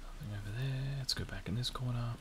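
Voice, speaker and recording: A man's voice: medium pitch, fast, noisy background. A man giving whispered let's-play commentary on a horror game, muttering with dry understated remarks and frequent swearing. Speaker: gaming YouTuber.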